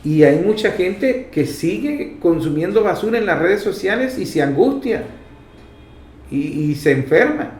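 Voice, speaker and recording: Hosting a radio political commentary show, a Venezuelan man speaks Spanish with a Venezuelan accent in a high-pitched, darkish voice, very animated but at a measured pace. His delivery is emphatic and didactic, with key phrases repeated. Roomy echo and faint background noise fill the recording.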